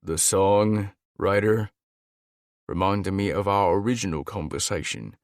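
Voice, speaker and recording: A man's voice: low-pitched, unhurried, clear, resonant tone, dry recording, clean studio sound. A man voicing Damien, an earnest young gargoyle. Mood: reassuring. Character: young male gargoyle shifter, steady and earnest.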